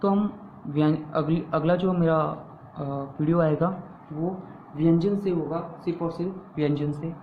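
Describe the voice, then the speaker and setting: Male teacher, slow and deliberate, answers his own questions, repeats key terms; roomy echo, phone-thin sound. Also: fairly high pitch, fairly even intonation, a little hiss or hum. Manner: asks the class questions and answers them himself. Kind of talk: classroom-style grammar lesson. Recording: echoey room over a tinny phone-like line.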